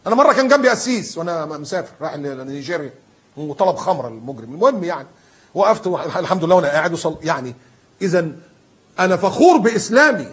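A man preaching in a colloquial style with an Egyptian accent. He is animated and emphatic, and he acts out the people he quotes. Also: on the high side, racing, slightly rough. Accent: Egyptian Arabic. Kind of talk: colloquial sermon.

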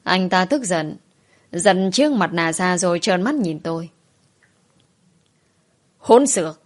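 A woman reading a first-person story aloud in a soft, emotive way. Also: on the low side, animated, unhurried.

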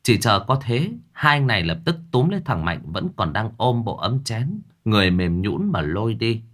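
A man's voice: fairly low pitch, sing-song, normal speed, a bit bright. A man narrating a ghost story audiobook in a dramatic way.

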